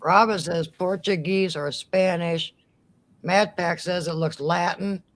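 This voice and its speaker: A woman co-hosting a casual live stream, reading out chat messages and tossing in quick exclamations and jokes. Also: lowish voice, fairly even intonation. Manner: chatty, quick to exclaim, jokey asides.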